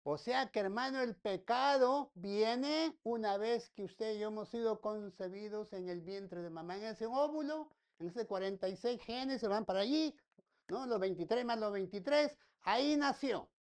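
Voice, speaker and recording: A woman's voice: medium pitch, unhurried. A woman pastor preaching a sermon, repeating her points and tossing rhetorical questions and folksy joking asides to the congregation.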